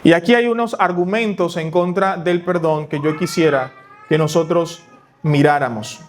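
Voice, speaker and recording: A man with a fairly high voice preaches a sermon in a church. He talks it through like a conversation, asking and answering his own questions. A faint hiss sits under the recording. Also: moderate pace. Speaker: pastor.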